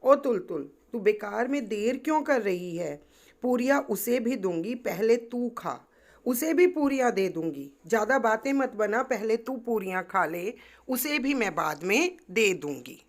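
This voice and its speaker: Brief: woman doing a chiding storybook mother who calls out, slow. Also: on the high side, animated. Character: scolding mother calling from the kitchen.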